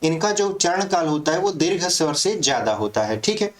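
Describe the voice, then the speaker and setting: A man's voice: a little high, big pitch swings, a little fast. A man teaching a grammar lesson for exam prep, explaining step by step and often checking that students follow.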